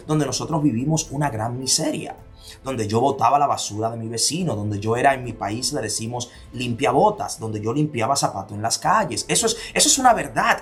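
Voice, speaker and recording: A man from the Dominican Republic with a Dominican accent, giving a motivational talk. He fires off repeated rhetorical questions and drops to near-whispers for emphasis. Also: mid-range voice. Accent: Dominican Spanish. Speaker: motivational speaker.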